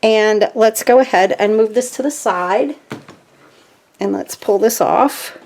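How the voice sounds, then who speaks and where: A woman's voice: mid-range voice, takes it slowly. Woman, craft tutorial host; casual, talkative, gushes over her projects, mid-range voice. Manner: chatty and easily excited, talks to viewers while working. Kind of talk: casual step-by-step craft demonstration. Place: home craft room.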